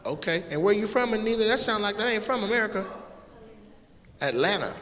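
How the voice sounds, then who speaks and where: A stand-up comedian with a high, expressive voice works the crowd from the stage of a big comedy venue, brash, teasing and quick with his wit. The live sound has a long reverb tail and heavy background noise.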